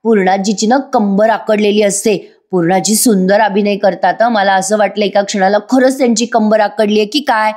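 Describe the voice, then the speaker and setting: A woman's voice: mid-range voice, steady tone, moderate pace, hardly any pauses, darkish tone. Female serial reviewer, casual and chatty, talks straight to viewers. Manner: chatty, addresses viewers directly. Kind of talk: casual voice-over episode review.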